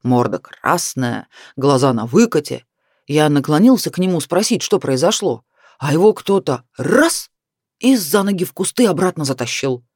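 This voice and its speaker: A woman's voice: low-pitched, very animated, moderate pace, a little mellow, slightly rough, dry recording, studio quality, heavily acted. A woman reading as a teasing, wry husband. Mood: amused. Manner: mocking, wry storytelling. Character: jovial middle-aged husband, teasing then defensive.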